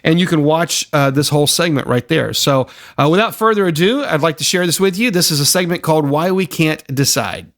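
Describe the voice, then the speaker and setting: A man's voice: a little high, lively intonation, fairly quick, few pauses, a bit bright. A middle-aged man hosting a podcast, giving an earnest, emphatic motivational talk full of rhetorical questions. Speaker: podcast host and personal development coach.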